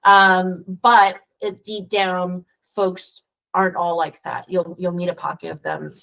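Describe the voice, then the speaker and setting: A woman's voice: on the low side, level tone, slow, vocal fry, bright, forceful tone, low-quality recording. A woman with a Texan accent, speaking as an immigration lawyer guest in an earnest interview over a video call, with frequent fillers and restarts. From Texas, US. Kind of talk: casual interview talk.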